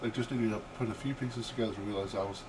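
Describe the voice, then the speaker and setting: An older man voicing a playful, irreverent young noblewoman from a video game, lively and emphatic, over background noise. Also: fairly low pitch, very fast, natural voice. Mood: matter-of-fact. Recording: steady background hum and noise.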